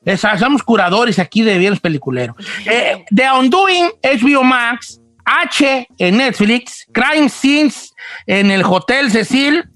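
A man's voice: extremely high pitch, expressive, takes it slowly, a bit bright, no room sound, faint music behind, full character voice. A man putting on the voice of a teasing old Mexican ranchero radio host, with a Mexican accent and rambling, playful banter. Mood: joking.

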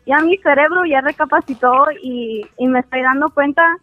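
Woman caller, American accent in her Spanish, high pitch, hesitant casual talk, dry phone-like sound. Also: moderate pace, no room sound. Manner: hesitant, searching for words, self-conscious about her Spanish. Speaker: caller to an advice show. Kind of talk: casual conversation. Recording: tinny narrowband phone call.

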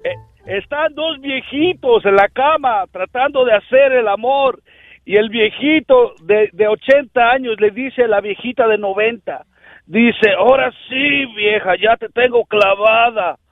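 A man's voice: very high voice, no echo, soft background music, voice pushed up. A man voicing a crude male caller named Nacho, who tells dirty jokes on a morning radio show. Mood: joking. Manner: brash, vulgar, drawn-out greetings. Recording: tinny phone line, dry.

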